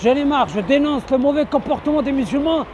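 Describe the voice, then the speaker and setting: A man's voice: very high voice, a little fast, dull audio, slight background noise. A man, giving an indignant religious reminder outdoors and repeating his phrases again and again. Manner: insistent, repeats phrases over and over; shouting indignantly. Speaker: online preacher.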